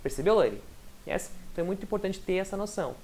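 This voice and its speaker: A male English teacher gives a relaxed, conversational lesson. He keeps checking that his student is following and draws out English example words slowly and carefully so they can be heard clearly. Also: high-pitched. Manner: chatty and encouraging, often checks in with the student. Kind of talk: recorded online lesson.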